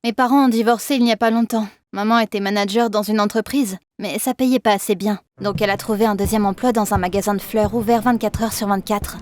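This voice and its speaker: A woman narrating an animated first-person story in a lively, expressive, dramatic manner. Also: medium pitch, fairly quick, hardly any pauses, no echo, studio quality.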